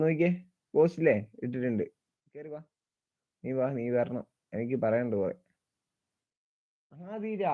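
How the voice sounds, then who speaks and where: A man's voice: medium pitch, no room sound. A man hosting a casual live stream, chatting, teasing and greeting viewers by name as he reads their comments. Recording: dry, slightly dull sound.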